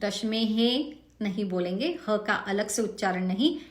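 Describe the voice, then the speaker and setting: A woman's voice: mid-range voice, animated, echoey room. A woman teaching careful pronunciation of a devotional hymn in a recorded online lesson, patient and drawing out each example word. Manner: slow, patient, drawn-out example words.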